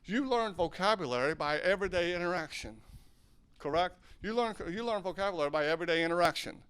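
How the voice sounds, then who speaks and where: A man's voice: sits high, animated, fast talker, fairly bright tone, clean tone. A man from southern Ohio who teaches sign language, giving a loose, self-correcting talk and questioning his audience.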